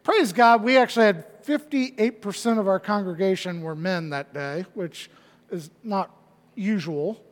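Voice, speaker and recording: A man preaching a sermon as pastor, swinging from loud emphatic declarations to hushed, quiet lows. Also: measured pace, in a large hall. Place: church sanctuary.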